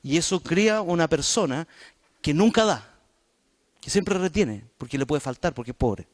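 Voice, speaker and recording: A man's voice: on the high side, expressive, moderate pace. A man with a Chilean Spanish accent preaching a sermon in a church, talking directly to the congregation in a conversational way. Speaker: pastor.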